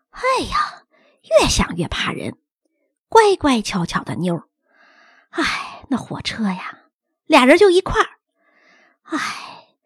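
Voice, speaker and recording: A woman's voice: sits high, dry recording, clean studio sound, exaggerated voice. A woman doing a fretful, gossipy old nanny. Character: chatty superstitious older nanny woman. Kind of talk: audiobook character reading.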